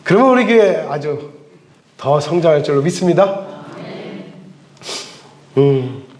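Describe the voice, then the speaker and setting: A man preaching a sermon as a pastor in church, telling the story with animated delivery and dramatic pauses. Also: fairly high pitch, a little hiss or hum.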